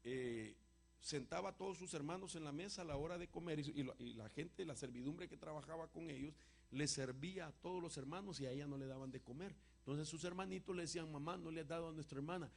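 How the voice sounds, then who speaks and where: A man preaching and answering a question with a personal testimony, an emotional storyteller whose voice swings from loud to hushed. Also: a little high, fairly quick, vocal fry. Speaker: apostle answering congregation questions.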